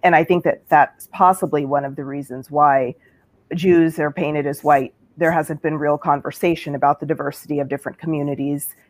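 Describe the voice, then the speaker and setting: A woman's voice: low voice, steady tone, normal speed, dry recording. A woman giving earnest, articulate remarks as a panelist in a discussion.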